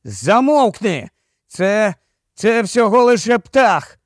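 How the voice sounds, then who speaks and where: A man's voice: high voice, very animated, slow pace, no echo, studio quality, pitched above the performer's own voice, full character voice. A man voicing a panicked middle-aged kidnapper who speaks tensely and stammers. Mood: nervous.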